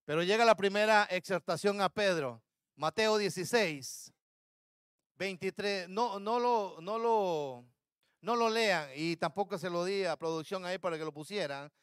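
High-voiced preaching man, dry sound. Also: unhurried, fairly bright tone, clean tone, dry recording. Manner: preaching, acts out dialogue of biblical figures; addresses congregation as brothers. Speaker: pastor. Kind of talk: sermon.

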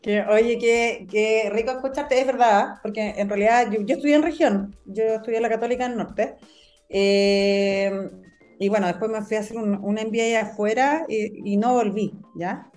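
A woman's voice: fairly high pitch, moderate pace, a little mellow, soft background music. Chatty Chilean woman interviewer. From Antofagasta, northern Chile. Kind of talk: conversational interview.

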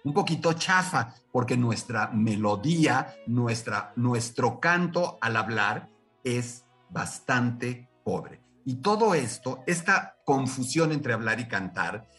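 A Mexican man teaching music as a radio guest, lecturing with lively rhetorical questions and sung examples. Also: mid-range voice, distant mic. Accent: Mexican Spanish. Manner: animated, lecturing, sings short examples. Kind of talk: radio interview lesson.

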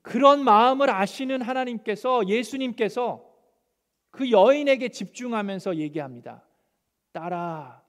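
A male pastor preaching a sermon, animated and acting out the scripture quotes. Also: very high voice, moderate pace. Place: church sanctuary. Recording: long church hall reverb.

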